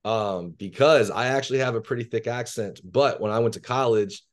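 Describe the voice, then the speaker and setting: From his bedroom, a thirty-something guest author from Louisiana reads aloud from his horror fiction, measured, low and level. Questions follow, and he handles them casually on the video call, recorded through his laptop's camera.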